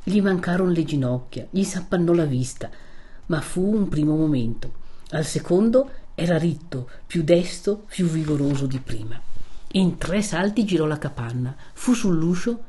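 A woman narrating a novel aloud in a measured, steady storytelling manner. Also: on the low side, slightly rough.

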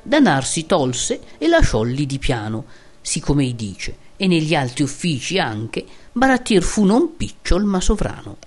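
A woman giving a measured, expressive recitation of old epic poetry. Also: deep voice, faint music behind.

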